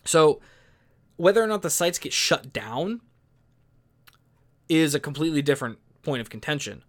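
A man's voice: fairly high pitch, very animated, moderate pace. Exasperated young man ranting. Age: young adult. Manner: opinionated and exasperated, with many restarts. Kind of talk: casual commentary.

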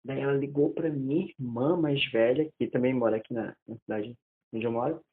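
A man in his twenties telling a personal story in casual conversation, animated and often restarting his sentences. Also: mid-range voice, fairly quick. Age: 20s. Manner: animated, acts out quoted dialogue, many restarts. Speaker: interviewee. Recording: tinny phone-like audio.

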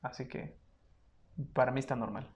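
A young woman with a Mexican accent and a distinctly low voice co-hosts a podcast. She chats off the cuff, using lots of slang and some swearing. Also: steady tone, normal speed, darkish tone. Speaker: podcast co-host. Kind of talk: casual unscripted chat.

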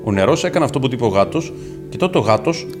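Playful comic co-host, lively fairy-tale reader, laughs a lot, music behind. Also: male voice, medium pitch. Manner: playful, laughing, animated storytelling.

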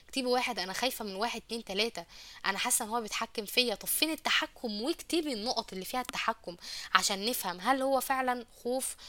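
A woman with an Egyptian Arabic accent hosting a radio advice show, explaining slowly through hesitant fillers and self-corrections. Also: medium pitch, fairly bright tone, dry recording. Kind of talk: relationship advice talk show.

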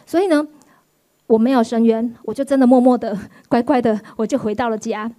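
Woman, pastor, high voice, animated sermon storytelling. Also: brisk. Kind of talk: sermon testimony.

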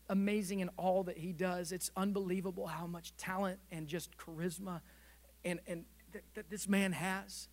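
A male pastor preaching a sermon in a church, telling a story and then leading fervent prayer. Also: a little high. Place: church sanctuary.

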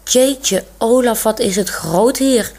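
A woman's voice: on the high side, slow, a little mellow, pitched above the performer's own voice. Monique, a woman reading as a bubbly young woman. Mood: affectionate. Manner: giggly, teasing.

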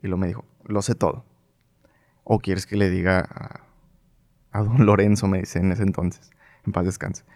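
Male journalist, middle-aged, northern Mexican accent, low-pitched, chatty anecdotal guest, dry close mic. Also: normal speed, pauses often, dry recording. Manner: animated anecdotal storyteller, acts out quoted dialogue, frequent fillers. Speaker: interview guest, broadcast journalist. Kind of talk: casual storytelling interview.

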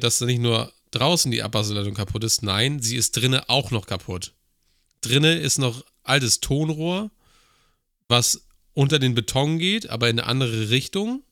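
A podcast co-host with a medium-pitched, sharp voice tells a long work story in casual chat, full of crude slang and acted-out dialogue. The recording is dry, with clean studio sound.

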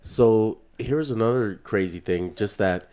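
A man's voice: lowish voice, unhurried, a little mellow, clean tone. A man co-hosting a podcast in casual chat, speaking in a blunt, matter-of-fact way. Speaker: podcast co-host.

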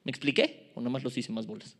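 A man's voice: mid-range voice, lively intonation, quick pace, fairly bright tone. A man with a Mexican accent preaching a sermon, asking the congregation questions in a casual, self-deprecating way. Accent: Mexican Spanish. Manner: asks the congregation rhetorical questions.

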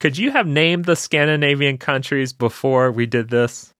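An easygoing man co-hosting a casual podcast. His voice is bright and forceful, and it is recorded dry and close. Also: medium pitch, moderate pace, no echo. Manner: easygoing, laughs often. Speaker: podcast co-host. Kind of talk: casual chat.

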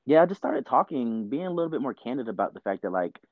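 A man's voice: medium pitch, big pitch swings, quick pace, no echo, narrow, tinny audio. A man from the US South, a podcast guest talking candidly in a chatty, filler-heavy way. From Georgia, US South. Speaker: podcast guest, actor and producer. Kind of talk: casual interview talk.

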